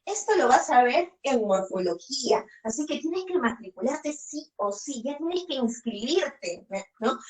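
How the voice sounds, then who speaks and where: A woman's voice: high voice, sing-song, measured pace, a little mellow, recorded from a distance, rough recording. A woman teaching an online language class, explaining step by step and asking many questions. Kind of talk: online lecture.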